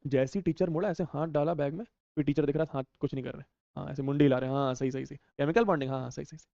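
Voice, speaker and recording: Racing along in a slightly high, warm voice with vocal fry and fairly even intonation, a young man teaches an online class. He reads viewer comments in a relaxed live chat, joking around with slang. The sound is dull and dry, with no room sound.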